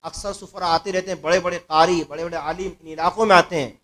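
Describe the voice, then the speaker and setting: A man preaching a sermon to a mosque gathering, telling a moral story earnestly, repeating phrases and letting his voice swell louder at key points. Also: high-pitched, steady tone. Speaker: mufti giving a religious talk.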